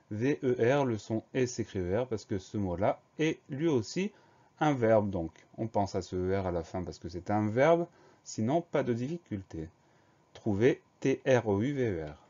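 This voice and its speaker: A man's voice: fairly low pitch, warm tone, muffled recording. A man teaching a dictation lesson, patiently spelling words letter by letter and explaining grammar.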